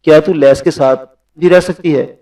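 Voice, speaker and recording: A man voicing a scheming, sharp-tongued woman in a spoken story. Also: a little high, steady tone, recorded from a distance, natural voice, low-quality recording. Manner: taunting, provocative.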